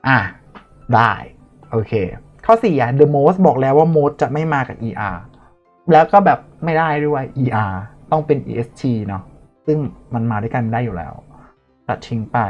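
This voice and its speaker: A man tutoring students in a chatty, playful way, talking through each answer and correcting his own slips. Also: mid-range voice. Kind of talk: online tutoring lesson. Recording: dull lo-fi audio with faint music.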